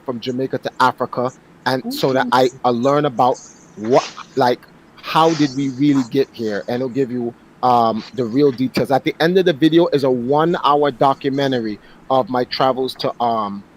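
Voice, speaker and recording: A man's voice: medium pitch, moderate pace, poor audio. A man in his forties, a guest on a casual online panel, talking emphatically and often repeating words as he starts a thought. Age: 40s.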